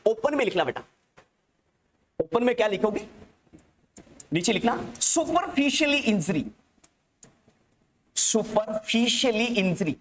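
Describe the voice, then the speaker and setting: A man teaching a nursing exam class. He dictates terms slowly and repeats them for students to write down. He keeps checking that they have understood and calls them "child" in a fond, coaxing way. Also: sits high, a little hiss or hum.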